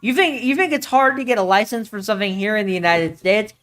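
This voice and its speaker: A man's voice: high-pitched, fast talker, fairly bright tone. Rambling, joking guy co-host. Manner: joking, rambling, laughs often. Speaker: podcast co-host. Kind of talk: casual chat.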